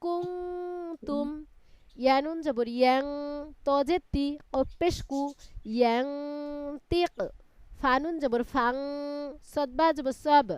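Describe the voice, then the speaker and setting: During a live online class call, a woman teaches Quran reading, chanting Arabic letters syllable by syllable and explaining the rules of recitation. Her voice sits high, slow and full of pauses, with no room sound.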